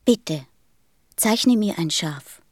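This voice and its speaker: An earnest little boy prince from another planet in a radio play. The voice is childlike and insistent, with a soft, husky breathiness. It is recorded close and dry. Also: medium pitch, lively intonation, very slow, no echo, heavily acted. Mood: gentle, earnest. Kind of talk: audio drama acting.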